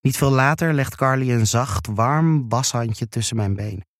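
A man reading a first-person erotic story aloud in a slow, hushed, intimate way. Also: mid-range voice, dry recording, studio quality. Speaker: narrator.

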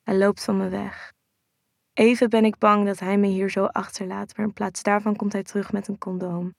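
A woman tells a first-person erotic audio story in a soft, hushed, intimate voice. She has a gravelly edge and keeps a narrow, even pitch. The recording is close and dry. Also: moderate pace, no room sound.

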